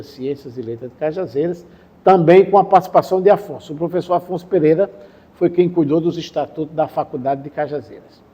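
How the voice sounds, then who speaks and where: An older man from the Sertão of Paraíba in Brazil, calmly recalling his career in an interview, pausing to correct names and dates. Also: fairly high pitch, highs cut off. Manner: unhurried, recounts dates and names, self-correcting. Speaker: interviewee, retired professor and former education official. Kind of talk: reminiscing interview answer.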